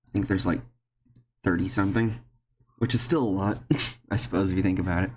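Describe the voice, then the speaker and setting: A man's voice: sits low, steady tone, a little fast, slight background noise. A man streaming a game, chatting casually and thinking aloud, often laughing at himself. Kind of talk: casual gameplay commentary. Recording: game music playing behind.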